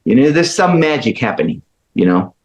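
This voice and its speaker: A middle-aged man from Chile, a guitarist telling his story as a guest in a casual interview, easygoing, with pauses and restarts. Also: mid-range voice, sing-song, highs cut off.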